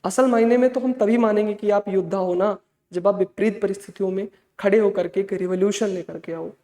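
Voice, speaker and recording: A man's voice: high-pitched, steady tone, brisk, dark tone. A man teaching chemistry in an online exam-prep lecture, fatherly and motivating, drilling key points over and over. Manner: fatherly, motivating, calls students "beta". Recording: echoey room with long reverb.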